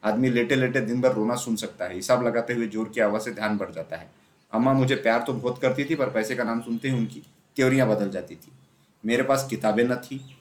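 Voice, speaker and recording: A man narrating a classic children's story aloud in a steady storytelling manner. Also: mid-range voice, brisk. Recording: roomy echo.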